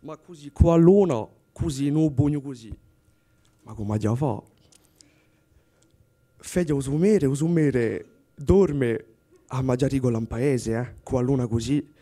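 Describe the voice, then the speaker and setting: Young man, Corsican accent, folk tale telling, deep mellow timbre, lively character voices. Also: measured pace, long pauses. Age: young adult. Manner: lively, acts out characters with voice shifts. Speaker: student storyteller.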